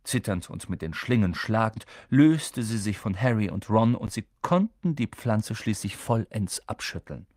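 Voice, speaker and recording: Male audiobook narrator, husky, animated delivery, dry close recording. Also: fairly low pitch, a little slow, hardly any pauses, no room sound. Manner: expressive, dramatic storytelling.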